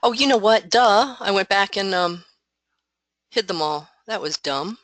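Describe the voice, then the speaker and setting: A woman walking a group through software on an online call through her headset. Her voice is bright and bold, and her patient explanations are dry and close. She thinks aloud as she goes. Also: medium pitch, animated, unhurried, dry recording, rough recording. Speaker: software trainer. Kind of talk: online meeting walkthrough.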